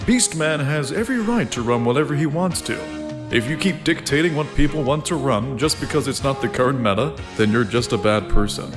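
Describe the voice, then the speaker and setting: A man voicing a calm, heroic peacemaker who lectures reasonably. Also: mid-range voice, brisk, close to an everyday voice. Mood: calm reasoning. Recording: clear background music.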